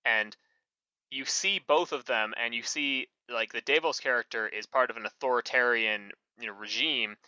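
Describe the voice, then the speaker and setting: A man's voice: mid-range voice, normal speed, bright, forceful tone, no echo. A man co-hosting a podcast in casual chat, rambling with many fillers and self-corrections. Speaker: podcast co-host. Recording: muffled lo-fi mic.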